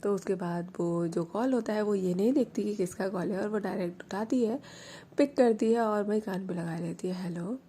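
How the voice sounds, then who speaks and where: A woman's voice: medium pitch, normal speed, dark tone, slight background noise. A woman storyteller narrating a romance in a chatty, conversational way. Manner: chatty, conversational retelling with fillers.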